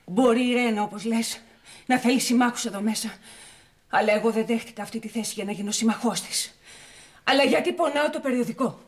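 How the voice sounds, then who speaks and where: A woman plays a proud woman editor in a TV soap drama, standing her ground. Her voice sits high, and she speaks in a firm, self-justifying way. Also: natural voice. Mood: defiant. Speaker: new magazine editor.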